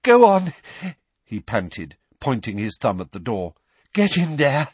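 A man voicing a hurried middle-aged wizard official who talks in urgent, panting bursts. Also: lowish voice, slightly rough, no room sound. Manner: urgent, out of breath.

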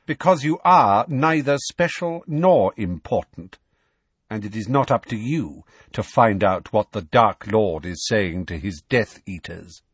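A cold, menacing schoolmaster, as a male narrator puts him on, his words low and clipped. His voice is husky, and it swings widely between soft threats and sharp jabs. The sound is dry and close. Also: animated, measured pace, dry recording. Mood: cold, sneering.

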